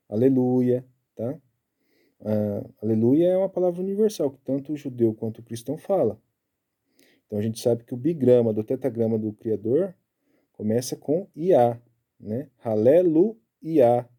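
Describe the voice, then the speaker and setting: A man giving a casual Bible study, explaining step by step and tagging his sentences with quick checks to the listener. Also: medium pitch, mellow. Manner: chatty, keeps tagging lines with "né?"; explaining Hebrew letters and pronunciation step by step.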